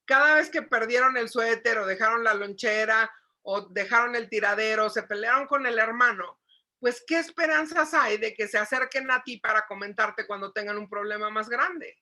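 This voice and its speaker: Woman, psychologist, lively parenting lecture, high voice, bright tone. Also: normal speed. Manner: animated, asks the audience questions, acts out shouting. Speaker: psychologist giving a parenting talk.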